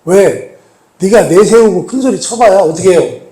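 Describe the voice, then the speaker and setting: Warm-voiced pastor in an echoey church. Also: male voice, high voice, expressive, normal speed. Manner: asks the congregation rhetorical questions; emphatic, swells louder on key points. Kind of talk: sermon. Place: church sanctuary.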